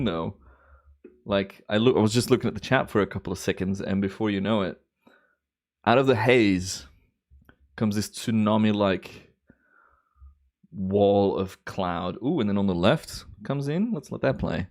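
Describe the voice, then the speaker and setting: His voice somewhat low and a little mellow, a Belgian man in his thirties chats easily while hosting a timelapse livestream, often drawing out cheerful exclamations. His accent is Belgian with touches of American and Australian English.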